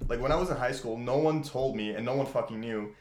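The recording, made in an echoey room with a bit of background noise, features a fast-talking man with a mid-range voice. He's a twenty-something podcast host from Austria, chatting casually and frankly with plenty of "like" and curse words.

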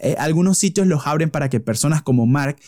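A man's voice: a little high, animated, fast, darkish tone, no echo, studio quality. A man preaching a sermon, telling a story vividly and stressing points through repetition. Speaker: pastor.

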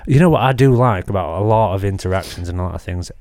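A young man with a gravelly voice, chatting and telling anecdotes as a sweary podcast host. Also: low voice, fast talker, a little mellow, no room sound, clean studio sound. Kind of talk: casual banter and anecdotes.

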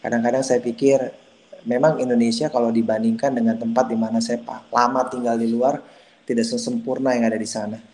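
A man's voice: mid-range voice, flat delivery, brisk, darkish tone. A man, a doctor and researcher, talks casually as a podcast guest, explaining at length with small restarts and hedges. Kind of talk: casual conversational interview.

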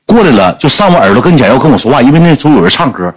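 Racing along in a husky, medium-pitched voice, a storyteller with a Northeastern Chinese accent tells a funny anecdote on a livestream. He's animated throughout, acting out the people in his tale.

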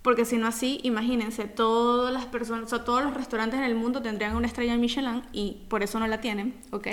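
A woman with a fairly high voice co-hosts a casual podcast. She explains each point in an emphatic, teacherly way. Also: little pitch movement, fast talker. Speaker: podcast co-host.

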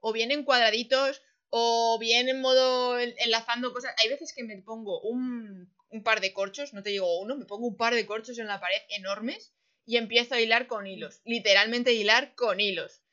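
A woman hosts a casual podcast conversation with a bright, fairly high voice. She talks in a lively, colloquial way and laughs often. The sound is a little dull and lo-fi. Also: normal speed. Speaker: host.

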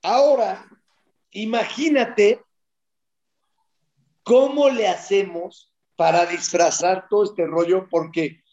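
Unhurried, foul-mouthed male panelist heard through a muffled, lo-fi recording. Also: high voice, darkish tone. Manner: slow, profane, rambling. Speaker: football panelist. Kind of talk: casual crude panel banter.

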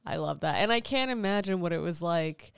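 Smooth-voiced female sports co-host. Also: lowish voice, expressive, a little fast, dry recording. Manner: chatty, teasing, enthusiastic fan. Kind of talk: casual sports betting chat.

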